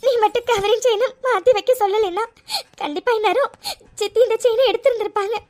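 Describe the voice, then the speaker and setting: A woman voicing a sincere young woman in a cartoon, tearful and pleading, often repeating her words. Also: extremely high pitch. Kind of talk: cartoon voice acting.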